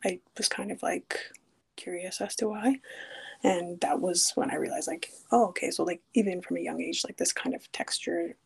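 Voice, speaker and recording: A young woman from Ethiopia in a casual interview, talking softly and hesitantly, often drifting into a whisper. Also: on the low side, gravelly, husky, low-quality recording. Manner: halting, hesitant with fillers. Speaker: guest.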